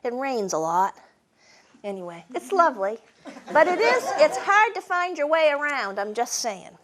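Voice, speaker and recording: A woman's voice: sits high, big pitch swings, normal speed, crowd noise, background noise. A woman telling humorous stories to an audience in a folksy, wry, conversational way. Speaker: storyteller and humorist hosting a program. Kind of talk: live humorous storytelling to an audience.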